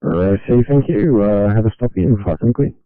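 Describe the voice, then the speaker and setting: A man's voice: on the low side, moderate pace, dry recording. A man passing procedural emergency messages over a two-way radio. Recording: narrow-band dry radio transmission.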